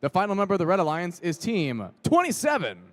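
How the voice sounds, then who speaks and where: Animated high-voiced male event announcer. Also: fast talker. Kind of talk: scripted live team introductions.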